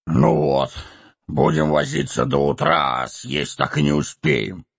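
A man playing a sly wizard faking gravelly troll voices. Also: medium pitch, sing-song, a little slow, pitched above the performer's own voice, exaggerated voice. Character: invisible old wizard mimicking troll voices. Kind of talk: audiobook character voice. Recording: dull lo-fi audio.

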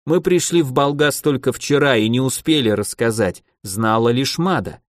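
A man's voice: mid-range voice, normal speed, dry recording, clean studio sound, pitched above the performer's own voice, natural voice. A man voicing a blunt, hot-tempered female warrior captain who speaks curtly. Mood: plain. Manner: gruff, curt speech.

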